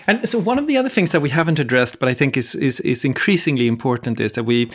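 Male co-host, measured, conversational, builds a question step by step. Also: mid-range voice, expressive. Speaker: podcast co-host. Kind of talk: conversational policy discussion.

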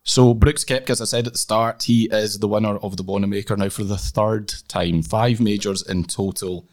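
A man's voice: lowish voice, fairly even intonation, moderate pace. A Scottish man hosting a podcast in a conversational way, recorded in a small, echoey room. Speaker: podcast host. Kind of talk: podcast introduction and chat.

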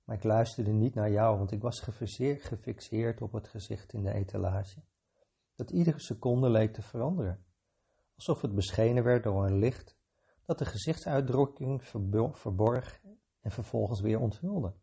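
A man reading a short story aloud in a calm, measured way, with a gravelly, husky voice. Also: on the low side.

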